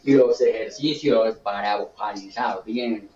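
A man's voice: fairly low pitch, unhurried, muffled recording, a little hiss or hum. Man teaching in a roomy studio. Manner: playful, breaks into song and sung chants. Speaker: guest music teacher. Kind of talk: explaining songwriting to children. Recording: roomy sound from a distant mic. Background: loud instrumental music.

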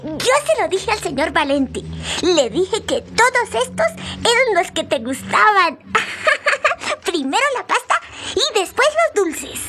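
Radio drama: woman actor as a chirpy young son, very high and lively. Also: slow pace, noisy background, full character voice. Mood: excited. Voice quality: childlike, chirpy. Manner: eager, giggly. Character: cheerful, excitable little boy, son. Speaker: child character.

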